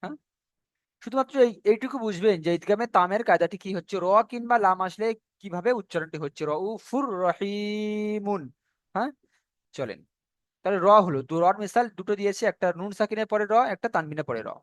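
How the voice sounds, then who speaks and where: A man whose voice is fairly high and a bit bright teaches Quran recitation in an online tajweed session, taking each rule in turn. Recited words are drawn out slowly for easy copying, and the recording is dry and close, with no echo from the room.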